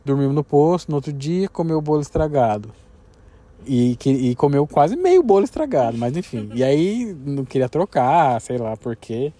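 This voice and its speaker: A Brazilian man, a travel vlogger, telling a story with his partner in casual chat. He explains himself quickly and a bit defensively. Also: a little high, very animated, warm tone, no room sound. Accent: Brazilian Portuguese.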